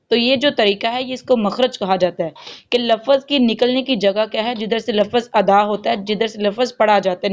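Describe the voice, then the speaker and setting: A woman teaching Quran recitation rules step by step, patiently explaining and slowly drawing out each recited word. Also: medium pitch, muffled recording. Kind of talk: spoken lesson with recited examples.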